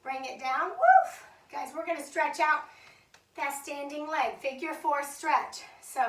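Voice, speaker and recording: A woman's voice: high-pitched, fairly even intonation, measured pace, pushed and bright. A woman instructor leading a Pilates chair class, counting reps and encouraging the group, a little out of breath. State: slightly out of breath. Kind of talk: live fitness class cueing. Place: fitness studio. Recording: echoey studio from far off.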